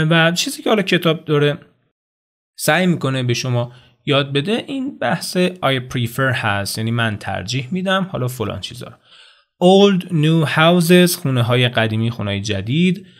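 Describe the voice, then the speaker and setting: A man giving a video English lesson in Persian, explaining phrases and saying English examples slowly and clearly. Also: mid-range voice, fairly bright tone. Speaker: English teacher.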